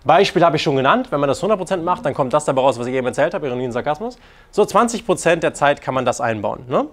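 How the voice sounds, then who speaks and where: A man giving casual dating advice, animated and crude, acting out quoted lines and joking frankly. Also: fairly high pitch, rapid-fire. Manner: animated, acts out quoted lines in put-on voices. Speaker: dating coach. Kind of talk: casual coaching talk.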